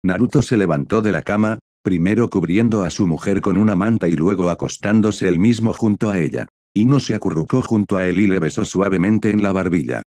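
A man narrating a fan fiction story in an even, matter-of-fact reading. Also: sits low, fairly quick, no echo.

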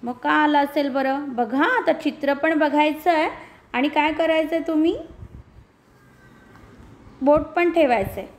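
A primary school teacher with a high voice reads a textbook story aloud to her class, speaking a little slowly with long pauses. She poses questions, repeats the answers she gets and walks the children through page instructions step by step.

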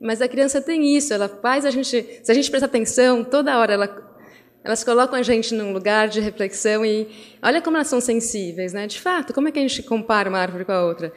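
Woman, higher voice, lively storytelling speech, fillers and restarts, long hall reverb. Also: quick pace. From Brazil. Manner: animated storytelling, acting out her daughters' voices, many fillers and restarts. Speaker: foundation founder giving an opening speech. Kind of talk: speech telling personal stories. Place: event hall.

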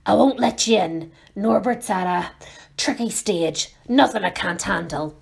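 Gruff tender gamekeeper voiced by a woman, doting, fuller timbre than her narration, a bit louder. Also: mid-range voice, measured pace. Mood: reassuring. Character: big soft-hearted gamekeeper man, tearful over his pet.

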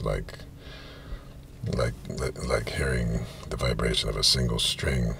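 A very deep, gravelly man gives a literary reading of science fiction prose inside a parked car, a small space with steady ambient car-interior noise.

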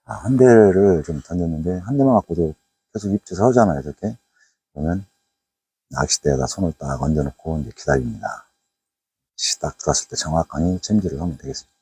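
Very deep-voiced man with a Jeolla accent. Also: animated, quick pace, dark tone, breathy edge. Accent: Jeolla Korean dialect. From Jeolla province, Korea. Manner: rambling, chatty, frequent "eo" fillers. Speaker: fishing YouTuber. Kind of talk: casual fishing vlog narration. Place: outdoors at a waterway at night.

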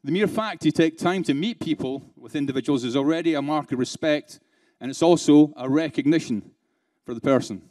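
A man's voice: fairly high pitch, brisk, hardly any pauses, darkish tone. Playful man quizzing a conference audience. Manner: interactive, quizzes the audience with rhetorical questions; laughs between points, playful. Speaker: keynote speaker. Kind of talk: conference keynote speech. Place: conference hall with a live audience.

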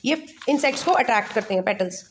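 A woman with an Indian accent teaching a lesson, reading English lines slowly and then explaining them again in Hindi. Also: fairly high pitch, expressive, slight background noise.

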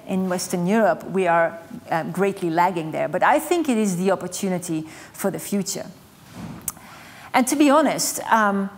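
A middle-aged woman delivering a conference keynote on a studio stage, explaining with energy and the odd "um". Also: mid-range voice. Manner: energetic, gesturing, explanatory with light fillers. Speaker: keynote speaker. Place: stage in a dark studio with large screens.

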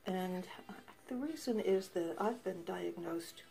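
A woman's voice: lowish voice, takes it slowly, vocal fry, soft background music. A woman hosting a home cooking show, chatting casually to the camera as she tastes her food. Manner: relaxed, chatty, tasting food while talking.

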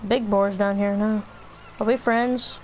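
A woman's voice: mid-range voice, measured pace, a little hiss or hum. Playful woman narrating her gameplay. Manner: playful, excitable, thinks aloud. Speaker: gameplay player. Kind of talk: casual let's play chat.

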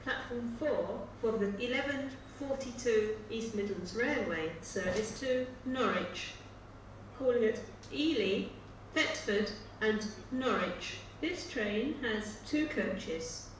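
Female station announcer, slow and formal train station announcement, distant over noisy ambience. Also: a little high. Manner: formal, segmented announcement delivery. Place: train station, over public address speakers. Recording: echoey distant station tannoy with loud ambience.

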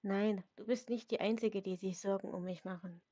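A woman voicing a tired, evasive teenage schoolgirl with quiet, reluctant replies, in a read-aloud story. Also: mid-range voice, fairly even intonation, normal speed, no echo, close to an everyday voice. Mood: subdued.

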